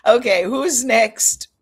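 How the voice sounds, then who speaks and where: A woman with a husky voice on the high side hosts an online festival panel of filmmakers over a video call. She moderates in a friendly, directive way, guiding the participants with instructions.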